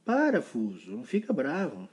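Man voicing friendly screw friends, raised coaxing calls, husky tone. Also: medium pitch, wildly swooping pitch, moderate pace, a little mellow. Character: group of friendly male screws on a shelf.

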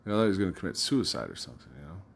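Low-voiced man telling a rambling story. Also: sing-song, very fast, vocal fry. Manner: loose storytelling with swearing and laughs. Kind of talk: casual rambling monologue.

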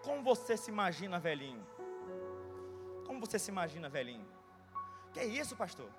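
A man preaching a sermon as pastor, impassioned, swinging between hushed moments and loud bursts. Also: sits high, sing-song, a little fast, big-room sound, over music.

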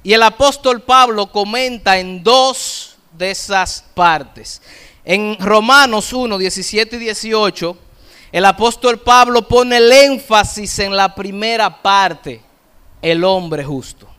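A middle-aged male pastor preaching a sermon, slowing down to stress key phrases. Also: sits high, bright, forceful tone, clear, resonant tone.

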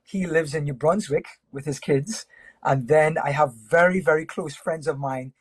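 A man from Trinidad and Tobago, a sports broadcaster, chatting casually as a guest on a remote interview with a friendly, relaxed manner. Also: on the high side, slightly rough, no echo. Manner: relaxed, friendly, with fillers and pauses.

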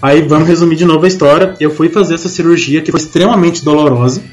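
A man with a slightly high voice tells a story to friends over a voice call, animated and slangy, acting out what others said. Soft music plays faintly in the background. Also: fast talker. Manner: animated, slangy, acts out other people's lines. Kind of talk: casual chat with friends, telling a story. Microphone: headset or desk mic on a voice call.

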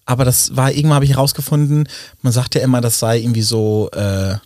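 A chatty male podcast co-host from western Germany with a mid-pitched voice. He talks casually, laughs often and stumbles through restarts. The sound is close and dry. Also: level tone, fast talker, darkish tone, no room sound. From North Rhine-Westphalia, Germany. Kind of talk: casual chat.

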